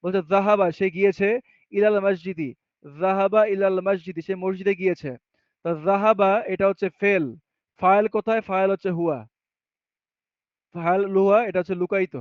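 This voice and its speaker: A man teaching Arabic grammar step by step. He often asks a question and then answers it himself, and he reads the Arabic sentences slowly. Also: high-pitched, steady tone, clear, resonant tone, no room sound. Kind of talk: classroom grammar lesson. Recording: dull, muffled sound.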